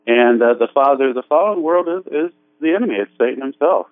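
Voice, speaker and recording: A man's voice: lively intonation, fairly quick, no echo. Man on a thin, tinny phone line. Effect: thin phone-line voice with no bass. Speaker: regular co-host calling in. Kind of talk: casual radio talk.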